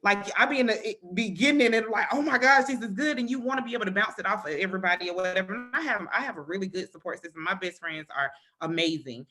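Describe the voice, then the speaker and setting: A bright-toned woman talks as a guest author on a live podcast. She is effusive and chatty, and her voice stays clear and lively. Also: mid-range voice, fast, few pauses. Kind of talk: casual podcast chat.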